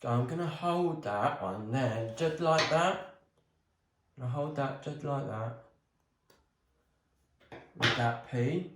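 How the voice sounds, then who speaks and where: A man's voice: medium pitch, takes it slowly, long pauses, very noisy. A man vlogging casually as he works on a bonsai, talking himself through each step with a lot of hesitant ums. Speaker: crafting vlogger. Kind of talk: casual talk while working on a bonsai. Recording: roomy echo.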